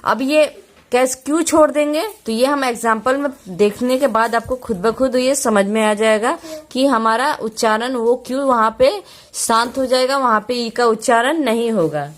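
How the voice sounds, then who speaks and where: Woman teacher, fairly high voice, patient, spells out letters one by one. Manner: patient, repeats each point slowly, spells out letters. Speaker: English teacher. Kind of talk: explaining pronunciation rules.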